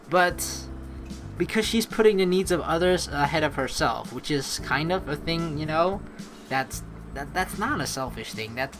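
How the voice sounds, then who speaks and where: A low-pitched woman hosts a let's play, chatty, rambling, and earnest, blending casual commentary with reading game text aloud.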